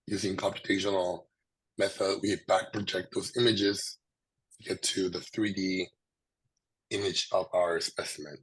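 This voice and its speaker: A man presents scientific material in a low, husky voice, thick and hoarse from a sore throat. His delivery is halting, with frequent pauses as he explains things. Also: level tone, rough recording. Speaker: presenter, researcher.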